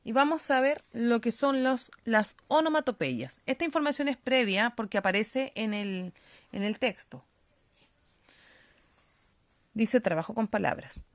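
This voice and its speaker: A woman's voice: fairly high pitch, lively intonation, normal speed, no echo. A woman teacher giving a reading-comprehension lesson, explaining patiently and often checking that pupils follow.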